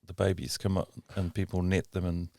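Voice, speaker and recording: A man's voice: deep voice, level tone, a little fast, vocal fry, mellow, no echo. A man in his sixties from New Zealand with a New Zealand accent, giving plain, brief answers in a casual interview. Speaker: interview guest.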